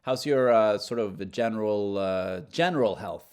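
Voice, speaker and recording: A man's voice: on the low side, a little slow, a little mellow, clear, resonant tone. A man co-hosting a podcast, chatting casually with dry, teasing wordplay. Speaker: podcast co-host. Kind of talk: casual chat.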